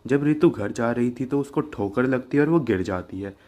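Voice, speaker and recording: A man's voice: mid-range voice, animated, normal speed, darkish tone. A man narrating a cartoon ghost story in a plain, conversational way, linking lines with filler words.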